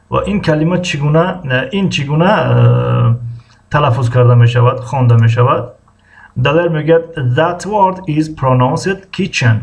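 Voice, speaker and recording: A man with a Tajik accent teaching English, reading model phrases slowly and explaining them with many hesitations. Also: medium pitch, gravelly, muffled recording. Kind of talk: language lesson explaining a dialogue.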